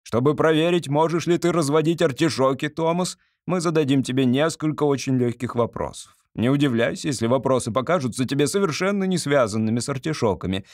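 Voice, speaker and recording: A man's voice: medium pitch, brisk, hardly any pauses, darkish tone, dry recording, lightly acted. A bossy judge who barks orders and lectures his examinee, put on by a man reading a comic audiobook. The voice is raised and commanding, close and dry. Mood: stern. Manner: barking orders. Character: stern barking male court chairman.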